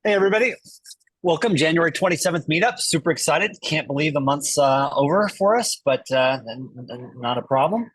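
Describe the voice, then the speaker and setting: A man hosting an online meetup over a video call with a bad internet connection, talking casually with halting restarts. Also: a little high, lively intonation, fairly bright tone, slightly rough, dry recording, poor audio. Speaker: meetup host.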